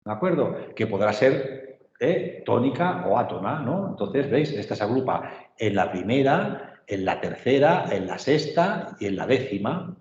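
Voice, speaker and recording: A man's voice: mid-range voice, big pitch swings, unhurried, darkish tone. A man teaching literature in an online class, patiently explaining and often checking that students follow. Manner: patient, checks understanding with frequent tag questions. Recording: echoey, roomy, dull sound.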